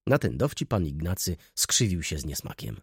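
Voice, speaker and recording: Low, husky male audiobook narrator. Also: sing-song, normal speed, no room sound, studio quality.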